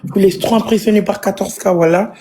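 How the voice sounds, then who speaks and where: A woman's voice: medium pitch, steady tone, brisk, background noise. A woman on a live stream, thanking and rallying her supporters, then earnestly explaining her limits. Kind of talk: casual live-stream chat.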